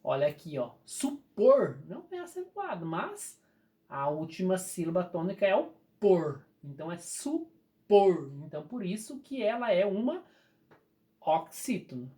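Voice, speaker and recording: Brazilian accent, teacher, patient explaining, slowly stretched key words, animated pitch. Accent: Brazilian Portuguese. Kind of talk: recorded remote grammar lesson.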